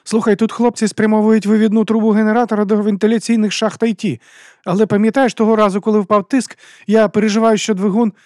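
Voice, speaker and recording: A woman's voice: mid-range voice, level tone, fast talker, a little mellow, no room sound, studio quality, pitched above the performer's own voice, lightly acted. A male audiobook reader voicing an anxious woman mechanic speaking into a radio transmitter in a pressing tone.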